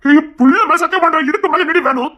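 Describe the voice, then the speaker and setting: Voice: sits high, racing, pushed and bright. A performer voicing an anxious young husband in an audio drama who keeps pleading and swearing he is innocent. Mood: defensive.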